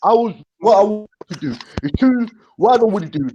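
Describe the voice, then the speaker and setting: A man's voice: high voice, lively intonation, dark tone, slight background noise. Man on a call that keeps cutting out. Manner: halting, restarts often. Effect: bad call connection that keeps cutting out. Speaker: remote guest on a live call. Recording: dull lo-fi call line.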